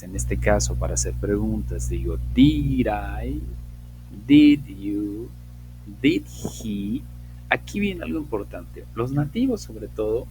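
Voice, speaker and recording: Male English teacher, patient and explanatory, lowish voice, faint hum behind. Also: low-quality recording. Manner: patient, explanatory, with slow drawn-out example questions. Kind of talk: online class lecture.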